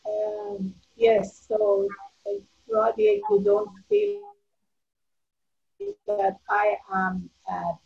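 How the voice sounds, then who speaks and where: A soft-spoken woman in a mediation, talking earnestly and hesitantly, on a dull lo-fi recording. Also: on the high side, very animated, very slow, creaky, slightly rough. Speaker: participant in mediation. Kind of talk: mediation dialogue.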